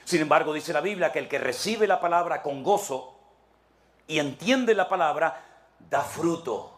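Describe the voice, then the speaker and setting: This church sermon comes from a pastor with a Spanish accent who asks rhetorical questions and moves from emphatic to hushed delivery. His voice is a little high, with lively intonation and a moderate pace.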